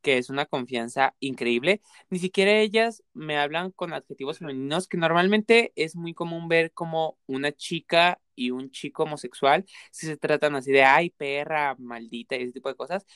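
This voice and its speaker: Mexican guy chatting, earnest, explains everything w examples, kinda high smooth voice, dry sound. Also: normal speed, hardly any pauses, fairly bright tone, no echo. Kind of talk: casual chat.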